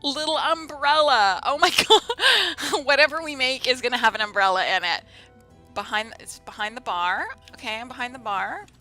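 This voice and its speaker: A woman's voice: a little high, brisk, bright, forceful tone, faint music behind. A woman chatting casually and playfully with viewers as she streams a video game, giggly in manner. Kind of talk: casual livestream game commentary and chat.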